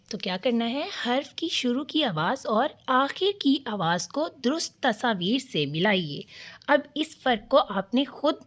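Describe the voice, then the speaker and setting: A woman teacher giving a children's lesson, patiently sounding out letters slowly for young learners to repeat and praising them. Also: a little high. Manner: patient and encouraging.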